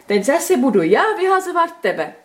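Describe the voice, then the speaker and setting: A woman reading a story aloud, voicing a teasing, mock-gallant young man in her own lively voice. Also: high-pitched, pitched above the performer's own voice. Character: teasing, cheeky young man, the story's first-person hero.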